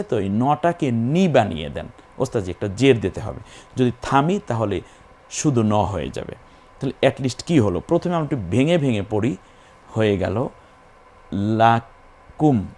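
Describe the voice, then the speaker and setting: A man's voice: medium pitch, darkish tone. A man teaching Quran recitation, patiently spelling syllables and stretching the vowels as he chants them. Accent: Bangladeshi Bengali.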